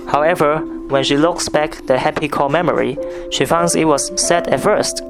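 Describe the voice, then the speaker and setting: A narrator reading a scripted film review as a video essay, in measured, non-native English phrasing. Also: medium pitch. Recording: narration over clear background music.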